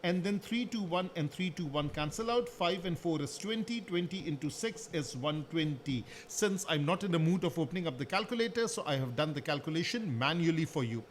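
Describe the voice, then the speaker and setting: A maths teacher with a rather high voice talks through a worked solution one step at a time, putting questions to the class and answering them himself. A faint hiss of background noise sits under his voice. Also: animated, fairly quick, few pauses.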